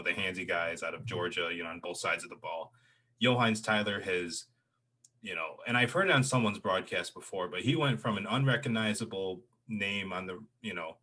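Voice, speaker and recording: A man's voice: sits low, sharp tone. A man co-hosting a casual college football podcast, chatty and full of filler phrases. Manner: chatty, leans on "you know" fillers. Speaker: co-host. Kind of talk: casual sports podcast chat.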